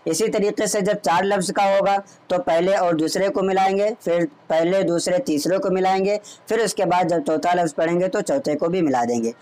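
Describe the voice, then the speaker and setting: A man's voice: high-pitched, normal speed, few pauses, a little mellow. A man teaching Quran reading online, patiently drilling letter sounds. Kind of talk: online recitation lesson.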